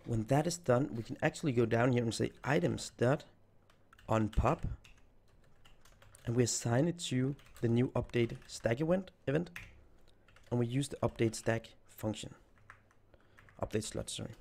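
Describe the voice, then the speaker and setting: In a screen-recorded coding tutorial, a man who has nearly lost his voice thinks aloud as he types code for his students. He speaks at a moderate pace with medium pitch, vocal fry and a darkish tone.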